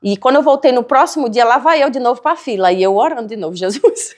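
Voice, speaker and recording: A woman with a somewhat high voice tells a personal story on a faith-based podcast. She keeps it animated and plays out each exchange with its own voice. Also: quick pace, crowd noise. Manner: animated, acts out dialogue in her stories. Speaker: podcast co-host.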